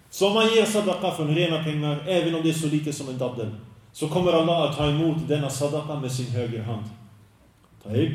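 Guy giving a religious talk, slightly high voice, sounds far off in a big echoey room. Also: darkish tone. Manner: slow, deliberate teaching with frequent Arabic interjections. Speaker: preacher. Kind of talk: religious lesson in Swedish mixed with Arabic phrases.

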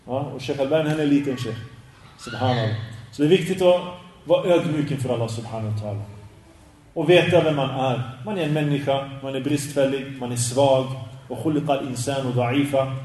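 A man's voice: mid-range voice, a little mellow, a little hiss or hum. A man giving a religious lesson, earnest and sprinkling in Arabic terms and questions to his listeners. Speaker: Islamic teacher. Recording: echoey room from a distance.

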